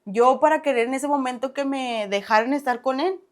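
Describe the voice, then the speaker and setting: A young woman with a Mexican Spanish accent recounts her past in a relaxed podcast chat. Her voice sits a little high, and she talks in a lively, animated way, acting out what others said and laughing along the way. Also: moderate pace. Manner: animated, acts out past dialogue, laughs often. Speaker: podcast guest. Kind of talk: casual storytelling interview.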